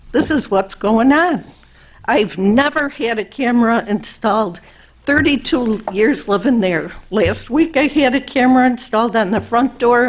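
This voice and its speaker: A woman's voice: fairly high pitch, poor audio. A woman speaking as a resident at a village board meeting, complaining in an upset way. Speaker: resident speaking at public comment. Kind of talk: public comment at a meeting.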